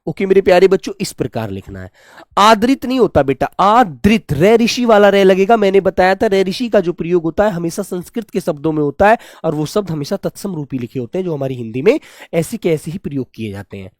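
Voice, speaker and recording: A man teaching Hindi spelling for an exam. He addresses students fondly as dear children, his voice rising loud on each new word and dropping soft on each reminder. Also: high voice, expressive, fairly quick, dry recording, clean studio sound. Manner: affectionate, repeatedly calls students "my dear children" and "beta". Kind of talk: exam-prep spelling lesson.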